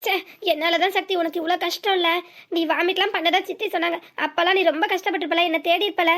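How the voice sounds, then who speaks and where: A remorseful young village husband in a cartoon, voiced by a woman, talking with a Tirunelveli Tamil lilt. The voice sits very high and bright, and the words tumble out quickly. He speaks softly, sorry and comforting. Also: steady tone. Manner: soft, apologetic and consoling. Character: young village husband, gentle and guilt-ridden. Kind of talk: cartoon voice acting.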